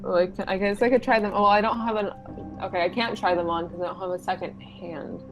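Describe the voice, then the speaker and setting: Female tabletop player, mid-pitched, casual chat, faint music in the background. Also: fairly even intonation, brisk, poor audio.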